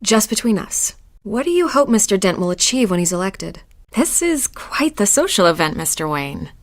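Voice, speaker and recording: A game voice actress plays a wry, flirtatious society party guest, delivering conversational dialogue with a teasing, knowing air. Her mid-range voice is sing-song and moves at a normal pace.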